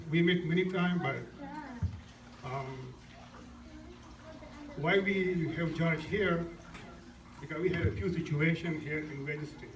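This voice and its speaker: A man introduces the guests at a community event, speaking plainly and hesitantly in a fairly high voice. The sound is echoey and distant, as if recorded from across a hall. Clear background noise fills the room. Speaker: event organizer.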